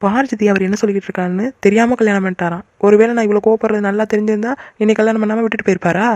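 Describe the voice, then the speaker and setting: A woman voicing a quick-tempered young wife in a cartoon, huffy and sharp-tongued. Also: medium pitch, steady tone, no echo, lo-fi sound, natural voice. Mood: complaining. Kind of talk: cartoon voice acting.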